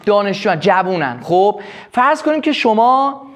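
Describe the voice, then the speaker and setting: A man teaching a live sales workshop, explaining with quick acted examples. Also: sits high, sing-song, fairly bright tone. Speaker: sales trainer.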